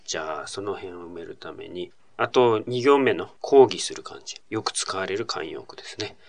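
A man's voice: low voice, animated, moderate pace, vocal fry. Guy teaching korean on a podcast, patient explainer, voice rises and falls a lot. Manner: patient, explanatory, switches between Japanese and Korean. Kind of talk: language lesson podcast.

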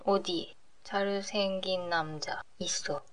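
Woman practicing korean phrases, fast and smooth clear voice. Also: medium pitch, steady tone. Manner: repeats phrases carefully. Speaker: language learner. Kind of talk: practice drills.

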